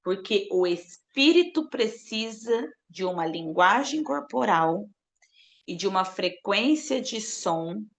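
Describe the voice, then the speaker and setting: A woman teaching a live online class on prophetic intercession, lively and playful, addressing viewers in the chat by name. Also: mid-range voice, takes it slowly.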